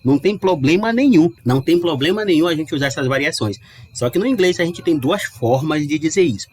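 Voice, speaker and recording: Male language teacher, husky voice, very lively intonation, casual and explanatory. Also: on the high side. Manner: lively, chatty, stretches English words slowly to model pronunciation. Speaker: English teacher. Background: dog barking outside.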